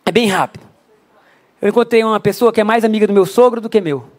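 A man's voice: high voice, quick pace. A young adult man preaching a conversational sermon in a church, with frequent rhetorical asides to the congregation. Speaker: pastor.

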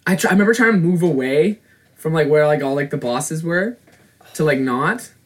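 A man's voice: a little high, animated, normal speed. A man in his twenties, co-hosting a podcast, telling a story in casual chat, rambling with lots of "like" and swearing. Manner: rambling, swears a lot, many filler likes. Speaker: podcast co-host.

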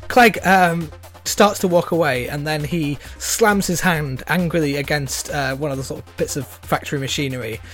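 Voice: mid-range voice, moderate pace, fairly bright tone, faint music behind. A game master narrating a tabletop role-play game, improvising in an amused, hesitant way.

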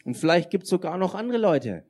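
Male sermon interpreter, fairly high voice. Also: sing-song, brisk, darkish tone. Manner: follows each phrase closely, some hesitations.

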